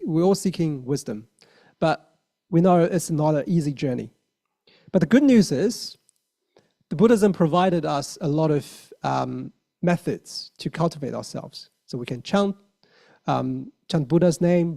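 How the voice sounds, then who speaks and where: A man's voice: a little high, mellow. A man in his thirties from China with a Mandarin accent, giving an earnest dharma talk with many fillers and restarts. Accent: Mandarin Chinese. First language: Mandarin Chinese. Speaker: lay Buddhist speaker.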